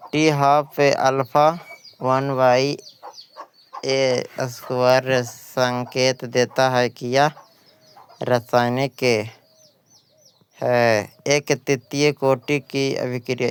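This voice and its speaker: A man with an Indian accent teaches an exam-prep lesson, reading questions and answers haltingly and repeating phrases. His voice is mid-range with a clean tone.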